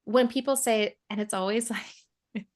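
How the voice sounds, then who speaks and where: A woman's voice: a little high, steady tone, unhurried. Chatty yoga teacher in her thirties. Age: 30s. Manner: chatty, acts out quoted voices, laughs often. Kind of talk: casual interview chat.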